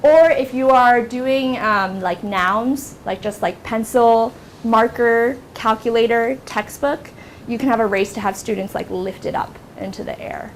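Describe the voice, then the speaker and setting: Young american woman teaching a classroom english workshop, high-ish voice, acts out her kids, bit of low rumble. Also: measured pace. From United States. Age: young adult. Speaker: workshop instructor. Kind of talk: teacher training workshop talk.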